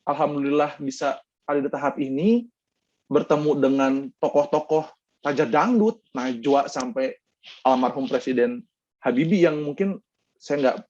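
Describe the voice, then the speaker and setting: A man's voice: a little high, normal speed, darkish tone, muffled recording. A young man from Bandung with a Sundanese-tinged accent, giving a casual talk-show presentation and chatting with the audience as friends, lots of fillers and acted-out quotes. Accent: Sundanese-tinged Indonesian. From Bandung, West Java. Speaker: guest speaker.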